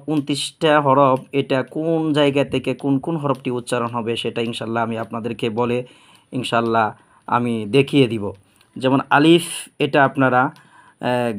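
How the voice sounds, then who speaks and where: A man gives a patient Arabic alphabet lesson and talks at an even, mid-range pitch. He explains each letter in plain words. Then he drags the letter sound out slowly, three times in a row. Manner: slow, drawn-out letter demonstrations repeated three times; plain instructive explaining with frequent pious phrases. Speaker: Quran teacher.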